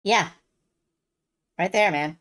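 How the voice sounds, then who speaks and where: Female let's player: slightly low voice, dry delivery, casual game commentary. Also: slow pace.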